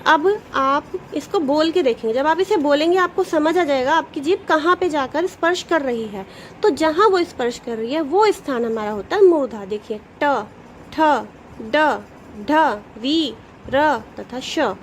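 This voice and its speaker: A woman teacher with a high voice walks young pupils through a grammar lesson step by step. She asks them questions and answers them herself, drawing out each letter slowly. A faint noise sits under the recording. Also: expressive, poor audio. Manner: patient, explains step by step, sounds out letters slowly. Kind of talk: Hindi grammar lesson for children.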